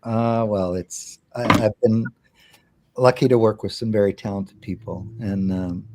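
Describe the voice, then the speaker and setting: An older man, a guest on a sports talk radio show, answering in a halting, thoughtful way with many pauses and fillers. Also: on the low side, fairly even intonation, background noise. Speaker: guest, television executive. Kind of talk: radio interview.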